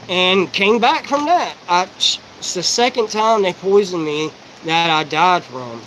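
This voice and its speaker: A man in his forties talking on a live stream in a rapid, profane, rambling and disjointed monologue. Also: high voice, fairly bright tone, slight background noise, poor audio. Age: 40s. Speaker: livestreamer.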